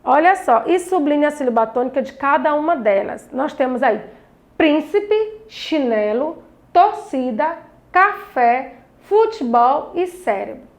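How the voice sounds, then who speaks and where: A woman's voice: high voice, animated. A woman teacher with a Brazilian Portuguese accent, patiently coaching young pupils through a grammar lesson, stretching out words syllable by syllable. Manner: patient, drawn-out syllables, coaxing questions to pupils. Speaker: primary school teacher. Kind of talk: recorded grammar lesson for children.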